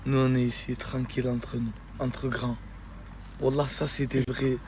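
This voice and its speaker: A man's voice: mid-range voice, level tone, measured pace, a little mellow, slight background noise. A man in French, bantering casually with friends in slang peppered with interjections. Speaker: vlogger. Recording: crowded outdoor chatter behind the voice.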